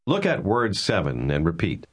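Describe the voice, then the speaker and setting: In scripted instructional narration for a language course, a man calls out numbered words and explains letter pronunciation in a measured, clear teaching style. His voice is low-pitched, with pitch that swoops wildly.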